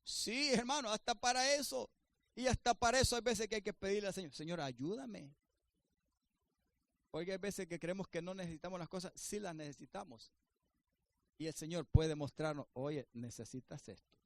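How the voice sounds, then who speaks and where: Guy preaching, pretty high voice, dry close sound, gets loud then drops soft. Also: a little fast, no echo. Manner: preaching with emphatic rises and soft asides. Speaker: pastor. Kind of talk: sermon.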